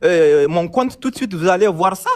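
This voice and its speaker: Malian man calling in, high pitched voice, insistent, keeps repeating himself. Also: lively intonation, moderate pace, a little mellow. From Mali. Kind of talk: casual chat, phone-in debate.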